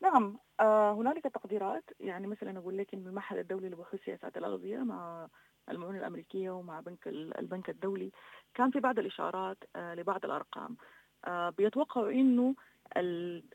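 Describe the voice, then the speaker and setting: Very fast, creaky Sudanese woman. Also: mid-range voice, rough recording. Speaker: interview guest, development organization director. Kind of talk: informal expert explanation in an interview.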